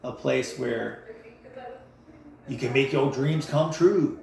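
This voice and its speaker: A man from the United States talking in a casual, rambling monologue full of fillers and restarts, with a gravelly voice. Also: mid-range voice, takes it slowly, darkish tone. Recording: very echoey with faint noise.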